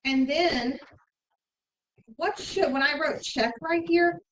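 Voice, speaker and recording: A woman teaching a middle school math class, briskly explaining steps and checking in with "okay?" often. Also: high voice, fairly bright tone. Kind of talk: classroom instruction. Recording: echoey room, mic far off, faint noise.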